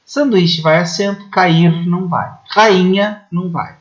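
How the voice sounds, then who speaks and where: A man's voice: high voice, steady tone, a little slow. A Brazilian man, a Portuguese teacher, explains grammar rules step by step, often checking in with "né?". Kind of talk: recorded online grammar lesson. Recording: slightly muffled lo-fi audio.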